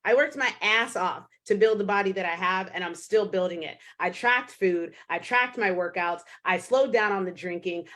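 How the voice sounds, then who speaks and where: A woman in her thirties hosting her own podcast as a fitness coach, talking casually and bluntly, with swearing and quick impressions of her clients. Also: mid-range voice, fairly bright tone. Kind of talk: casual solo podcast monologue.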